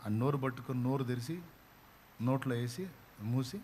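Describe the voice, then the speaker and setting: A man preaching a sermon, telling a story dramatically and rising to loud, fervent proclamations. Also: medium pitch, normal speed, breathy edge.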